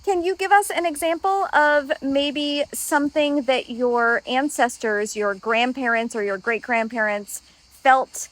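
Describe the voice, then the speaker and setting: High-voiced woman guiding a kids' lesson. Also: a little slow, no echo, low-quality recording. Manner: patient, asks children simple questions. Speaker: host. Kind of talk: kid-friendly tarot lesson.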